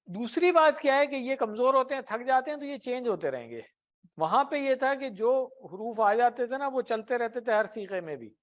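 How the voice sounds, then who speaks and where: A man's voice: very high voice, lively intonation. A man teaching Arabic grammar in an Urdu classroom lecture, patiently explaining with everyday examples and asking the class questions. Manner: often ends points with a tag question.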